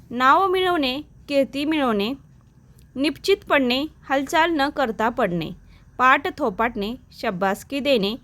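Woman teacher, high voice, unhurried list recitation for exam prep. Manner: slow, even recitation of phrase and meaning pairs.

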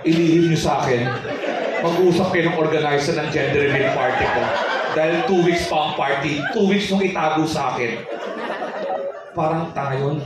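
A Filipino man doing live stand-up comedy, animated and acting out quoted voices. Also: normal speed, recorded from a distance, very noisy. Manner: animated, acts out quoted voices in a high pitch. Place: comedy stage before a live audience. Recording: echoey live venue miked from afar, audience laughter.

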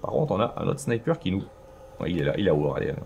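A man's voice: low-pitched, sing-song, rapid-fire, gravelly, a little mellow, highs cut off, a little hiss or hum. A man hosting a let's play, chatting casually and thinking aloud with lots of fillers as he plays. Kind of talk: casual gameplay commentary.

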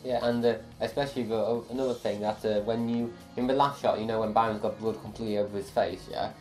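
A man's voice: fairly low pitch, fairly even intonation, fast talker, a little mellow. Hesitant young man. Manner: hesitant, many fillers. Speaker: co-filmmaker, guest. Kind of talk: casual behind-the-scenes chat. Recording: roomy echo, faint music.

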